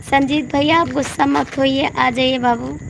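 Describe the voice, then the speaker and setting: Hoarse, high-voiced woman pleading on a live stream. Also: fairly even intonation, moderate pace, background noise. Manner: pleading, coaxing, repeats requests. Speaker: folk singer hosting a live stream. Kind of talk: casual live-stream chat with viewers. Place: indoors at night with the power out.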